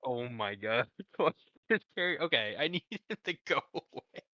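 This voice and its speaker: A man's voice: medium pitch, expressive, slow pace, pushed and bright, lo-fi sound. A man playing a tabletop game, chatting casually as he improvises his role.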